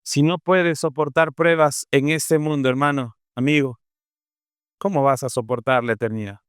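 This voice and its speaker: A man preaching an impassioned sermon, asking rhetorical questions and swinging between raised cries and low, quiet lines. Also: steady tone, moderate pace, smooth, dry recording, clean studio sound. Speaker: pastor.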